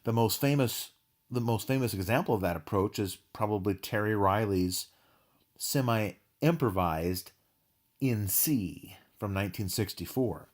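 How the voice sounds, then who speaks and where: A man with a fairly low voice walks through a music analysis in a recorded lecture. He speaks in a measured, academic way and drops in an occasional filler.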